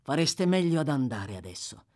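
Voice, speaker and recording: A woman's voice: rumbling low, sing-song, normal speed, darkish tone. A woman voicing a weary male jailer. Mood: resigned. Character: weary male prison jailer, matter-of-fact.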